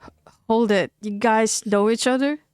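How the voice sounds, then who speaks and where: A woman reading the lines of a blunt, upset young woman, in a smooth, slow voice. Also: fairly high pitch, steady tone, darkish tone, no echo, clean studio sound, lightly acted.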